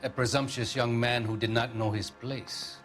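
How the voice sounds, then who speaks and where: A man's voice: medium pitch, steady tone, moderate pace, fairly bright tone, soft background music, close to an everyday voice. A man playing a haughty, pompous Argentine diplomat, formal and easily offended, in a crime drama video game. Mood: disdainful.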